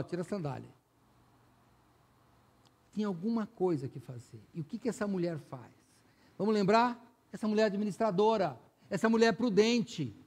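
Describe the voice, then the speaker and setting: A man's voice: sits high, darkish tone. A man with a Brazilian Portuguese accent, a pastor preaching a sermon in a conversational way, often speaking straight to the congregation. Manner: conversational preaching, frequent direct address to the congregation.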